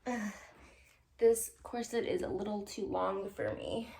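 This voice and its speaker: A woman's voice: mid-range voice, fairly even intonation, normal speed, vocal fry, mellow. A woman vlogging casually at home, answering viewer questions in a chatty, playful way with loose tangents and asides. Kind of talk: casual chat.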